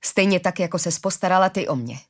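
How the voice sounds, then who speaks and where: In a low, husky voice, a woman reads the part of a gentle, forgiving father in a storybook. Her delivery is slow and earnest yet animated.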